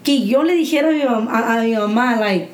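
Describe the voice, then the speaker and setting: A woman frankly telling stories from her childhood in a casual podcast chat, animated and swearing. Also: a little high, fast talker. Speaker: podcast participant. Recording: echoey room with faint noise.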